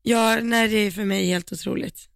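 Frank woman with a gravelly edge. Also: medium pitch, steady tone, no room sound, clean studio sound. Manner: frank and emphatic, speaks her mind. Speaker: podcast co-host. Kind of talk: casual chat about competition riding.

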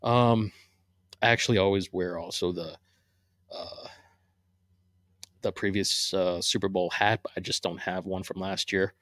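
A man's voice: deep voice, steady tone, a little slow, pauses often, fairly bright tone, no room sound, studio quality. A man hosting his own podcast from his living room. He chats casually and rambles, with many fillers and restarts. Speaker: podcast host. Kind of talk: casual solo podcast chat.

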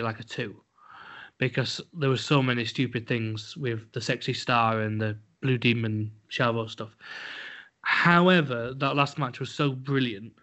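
Over dull lo-fi podcast audio, a male co-host talks bluntly and a little crudely, rambling with lots of fillers and restarts. His voice is medium in pitch and a bit bright.

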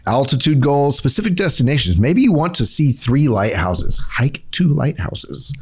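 A middle-aged man co-hosting a casual podcast chat, halting and repeating words as he thinks. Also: medium pitch, very animated, slightly rough. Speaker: podcast co-host.

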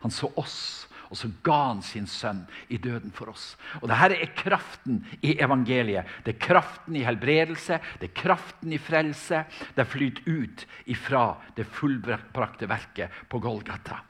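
A man's voice: mid-range voice, animated, hardly any pauses, a bit bright, husky. A man from Norway, preaching a sermon and telling stories in a fervent, emphatic way, often restarting his phrases. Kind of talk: sermon with storytelling.

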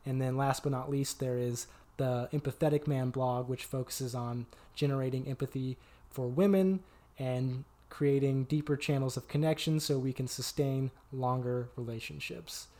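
A man's voice: medium pitch, fairly even intonation, moderate pace, mellow. A man hosting a podcast, giving an upbeat, promotional outro as a dating coach.

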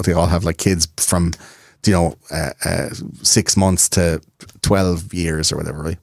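A man's voice: low-pitched, no echo, studio quality. An Irish man talking as a podcast guest, swearing freely and acting out the voices of people he quotes. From Ireland. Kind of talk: casual interview chat.

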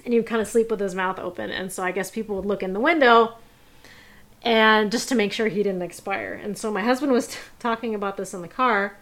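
Woman telling personal stories, laughing softly. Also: medium pitch, fairly quick. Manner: casual, laughs often, many fillers like "um" and "like". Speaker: podcast host. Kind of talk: personal storytelling.

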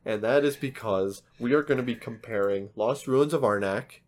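A man's voice: medium pitch, normal speed, a little mellow. A man co-hosting a casual board game podcast, playful and teasing, telling little stories animatedly. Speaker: podcast co-host.

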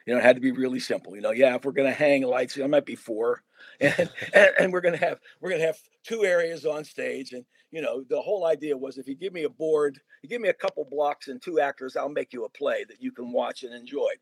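A man's voice: mid-range voice, fairly quick, husky, no room sound. A man in a casual podcast conversation, telling stories animatedly, laughing often and acting out his own past thoughts. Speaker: former high school theater director, podcast guest.

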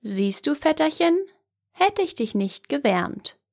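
A woman's voice: high-pitched, sing-song, slow, vocal fry, voice pushed up, full character voice. A woman voicing a fearless, cocky young man in a fairy tale, speaking boldly and offhandedly. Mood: cheerful. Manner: bold, offhand and unimpressed.

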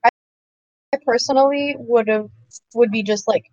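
A woman's voice: on the high side, measured pace, a little mellow, dry recording. A woman playing in an online tabletop game, talking hesitantly with many restarts and fillers over a voice-chat line that breaks up. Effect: muffled voice-chat line that breaks up. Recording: dull lo-fi online call audio.

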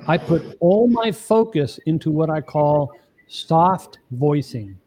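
Earnest middle-aged man, higher voice. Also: animated, slow, dark tone. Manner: earnest, explains step by step; emphatic, often asks the listener "okay?". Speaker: marriage coach guest. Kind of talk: podcast interview.

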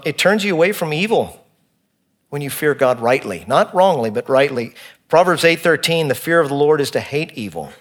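A man preaching a sermon in church, counting off his points and reading scripture with emphasis. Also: a little high. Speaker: pastor.

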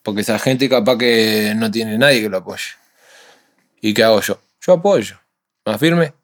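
A man's voice: fairly low pitch, normal speed. A young man with a Uruguayan accent, a rapper guest in a casual interview, telling stories animatedly in street slang. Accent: Uruguayan Spanish. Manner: animated street slang storytelling, acts out others' voices.

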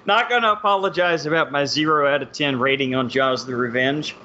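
A man with a fairly high, bright, forceful voice, ranting bluntly about a bad movie in casual podcast chat. The recording is dull and lo-fi, with a faint hiss behind him. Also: a little fast. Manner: animated, laughing often, blunt opinions. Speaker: podcast co-host.

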